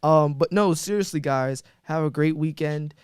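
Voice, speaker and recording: A man's voice: on the high side, normal speed, clear, resonant tone, no echo. A man hosting a casual sports podcast, talking loosely with friends and rambling through his sign-off with plenty of ums and uhs. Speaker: podcast host.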